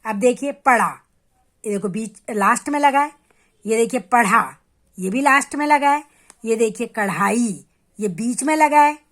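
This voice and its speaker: A woman teaching a grammar lesson to children, patient and step by step, addressing them directly and sounding out letters slowly to show how they are said. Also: a little high, fairly bright tone. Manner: repeats sounds slowly and clearly to demonstrate.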